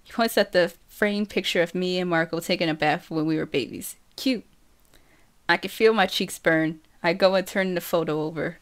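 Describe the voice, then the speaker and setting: A woman reading a first-person novel aloud for an audiobook, slow and steady. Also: fairly low pitch. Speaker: audiobook reader.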